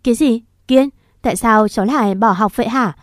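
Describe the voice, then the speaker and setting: A woman's voice: a little high, brisk, no room sound, clean studio sound, close to an everyday voice. Woman as a stern, caring young aunt. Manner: scolding, questioning.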